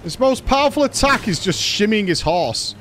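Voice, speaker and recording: An excitable man talks through a livestream headset mic, his high voice leaping around as he reacts to the game and curses at it. A faint hiss of noise sits under his voice. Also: normal speed. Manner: excitable, swears often, talks back at the game. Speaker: livestreamer playing a video game. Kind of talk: live gameplay commentary.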